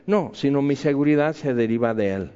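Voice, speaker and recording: A man's voice: mid-range voice, expressive, fairly quick, dark tone, smooth. A man preaching a sermon in a conversational, argumentative way, full of rhetorical questions. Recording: echoey hall, dull lo-fi sound.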